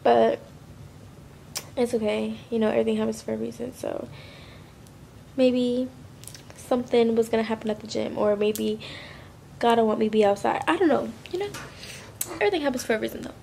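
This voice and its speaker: A woman's voice: fairly high pitch, brisk, vocal fry, pauses often, dark tone, a little hiss or hum. A young woman in her twenties chatting casually to camera while sick, her voice stuffy and nasal, rambling in slangy speech. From Florida. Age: 20s. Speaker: lifestyle vlogger. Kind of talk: casual vlog chat to camera.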